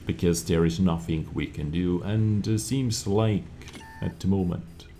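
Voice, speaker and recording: Guy with a deep mellow voice chatting thru game patch notes, reacting as he reads, faint hiss behind. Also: measured pace. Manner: reads out points and reacts to each. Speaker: gaming video creator. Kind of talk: casual game update commentary.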